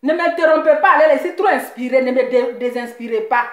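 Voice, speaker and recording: High-voiced mocking woman host. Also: a little fast, roomy sound. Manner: teasing, sing-song mockery, repeats phrases. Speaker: live show host. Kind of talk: mocking live commentary.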